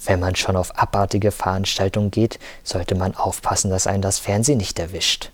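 A man's voice: low-pitched, level tone, brisk, no room sound. Man doing a choleric fifty-something bank boss. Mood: contemptuous. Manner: bellowing and hoarse hissing. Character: choleric, sweaty male bank manager in his fifties. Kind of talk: audiobook character voice.

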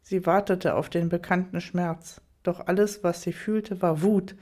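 Woman, audiobook narration, low voice, mellow tone, measured. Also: fairly even intonation.

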